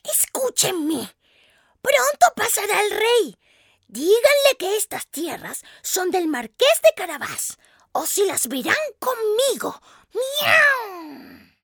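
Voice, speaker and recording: A woman's voice: big pitch swings, slow, a bit bright, no echo, clean studio sound, full character voice. A woman voicing a sly, scheming talking cat who meows and coaxes, in a storybook reading. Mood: threatening. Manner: meowing, high and coaxing.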